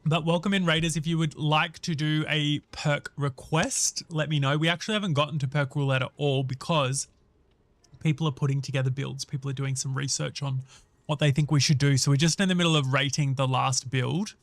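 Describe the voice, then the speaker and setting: A man's voice: a little high, steady tone, brisk, no room sound. A man hosting a casual gaming livestream, thinking aloud and chatting conversationally with viewers as he gives his commentary. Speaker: live streamer and host.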